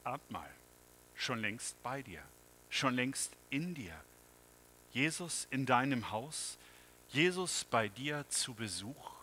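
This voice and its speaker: Slow, dramatic pastor. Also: male voice, mid-range voice, expressive, a little hiss or hum, rough recording. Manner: slow and dramatic, swings from loud to hushed whispers. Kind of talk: sermon.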